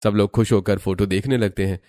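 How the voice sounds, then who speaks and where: Deep-voiced male story narrator. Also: steady tone, fairly quick, dark tone.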